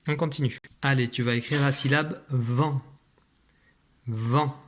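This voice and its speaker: A male teacher leads a spelling dictation at a calm middle pitch. He is patient and clear and stretches out each sound for the listener. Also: slow pace. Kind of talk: recorded spelling dictation lesson.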